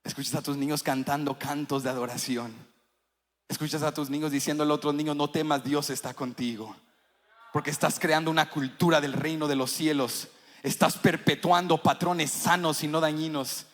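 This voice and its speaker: A male pastor preaching a sermon, rising to sung, shouted climaxes and dropping to quiet passages. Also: level tone, normal speed. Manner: preaching that swells into sung, shouted climaxes, then drops low. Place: large church hall. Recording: long church reverb.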